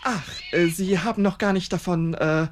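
Man as flustered, high-voiced parcel messenger. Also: moderate pace, slight background noise, natural voice. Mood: nervous, evasive. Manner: flustered, stammering, apologetic. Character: nervous, harried, polite male messenger delivering parcels. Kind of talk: comic audio drama acting.

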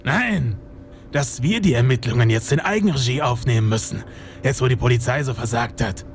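A man's voice: medium pitch, moderate pace, slight background noise, natural voice. A man playing a self-important, theatrical private detective in a noir-style audio drama. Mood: indignant, eager.

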